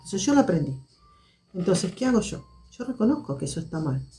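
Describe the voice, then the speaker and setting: A woman talks to her live viewers in a low, gravelly, mellow voice. She is measured and reflective and circles back to the same points. Soft instrumental music plays faintly behind her. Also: very animated. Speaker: host of a live stream.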